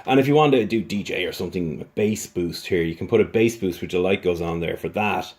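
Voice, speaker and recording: Here a man reviews a product off the cuff, faltering and repeating himself as he goes. He has a low, slightly mellow voice.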